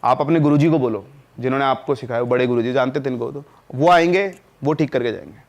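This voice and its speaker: A man's voice: mid-range voice, fast, vocal fry, natural voice. A man voicing a stubborn father who brushes off talk of ghosts in a brusque, dismissive way, in a spoken horror story.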